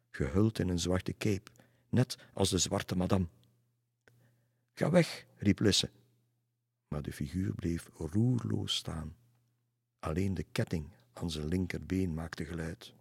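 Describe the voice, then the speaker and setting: A man with a very low, husky voice reads a children's fairy tale aloud. He builds suspense in his delivery, sometimes dropping almost to a whisper. The recording is close and dry. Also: measured pace, no room sound. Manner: expressive, suspenseful reading. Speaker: narrator. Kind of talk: storybook narration.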